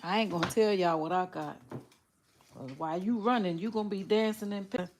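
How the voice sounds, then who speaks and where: A woman's voice: mid-range voice, brisk, darkish tone, a little hiss or hum. Laughing woman livestreaming. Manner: laughs often, teasing, addresses viewers directly. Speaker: livestream host. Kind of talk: casual livestream chat with viewers.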